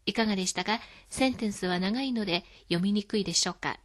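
Lady teacher on a radio language lesson, calm, explains each word. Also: medium pitch, quick pace.

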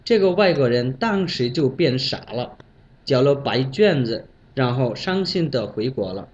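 Animated foreign man speaking Mandarin, dull recording. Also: medium pitch, unhurried. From Bangladesh. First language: foreigner speaking Mandarin as a second language. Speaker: foreign learner presenting a language talk. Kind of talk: prepared talk with anecdotes. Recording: dull, lo-fi sound.

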